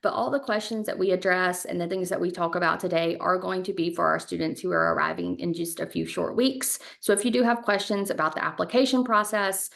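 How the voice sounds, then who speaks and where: A woman with a slightly low, gravelly voice hosts an online webinar for new students. She keeps things organized and friendly, filling pauses with ums as she explains the session over a video call. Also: fairly bright tone. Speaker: graduate school recruitment director hosting webinar.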